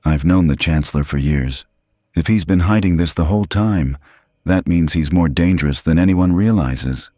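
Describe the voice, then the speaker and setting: A man's voice: low-pitched, moderate pace, mellow, no room sound, studio quality. A man voicing a conflicted, defensive young Jedi knight with a tense, guarded way of talking. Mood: troubled.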